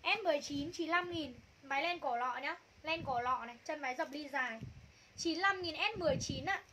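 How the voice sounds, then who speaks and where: A woman's voice: high-pitched, brisk, pushed and bright, slight background noise, poor audio. A woman runs a live clothing sale, calling out prices and item codes over and over in a gushing sales patter. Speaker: livestream clothing seller.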